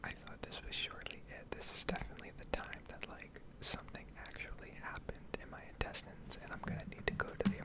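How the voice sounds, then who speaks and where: On a rough recording, a woman makes an ASMR video, her soft, breathy whisper close to the microphone as she hesitantly rambles and explains things.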